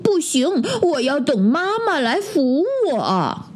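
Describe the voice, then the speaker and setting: A woman's voice: high voice, sing-song, slow, a little mellow, slight background noise, pitched above the performer's own voice, exaggerated voice. A woman voicing a chubby little bear cub who cries at everything, with a whiny, childlike voice.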